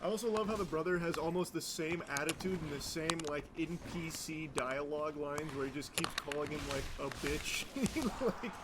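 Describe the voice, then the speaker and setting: A man's voice: a little high, moderate pace, hardly any pauses, very noisy. A man casually commentating on a video clip in a chatty, mocking, profane way.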